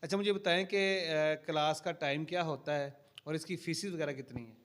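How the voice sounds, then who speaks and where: Male interviewer with a Pakistani accent, slightly high pitch, chatty and self-deprecating, casual questions. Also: fairly bright tone. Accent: Pakistani Urdu. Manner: chatty, self-deprecating, frequent "theek hai".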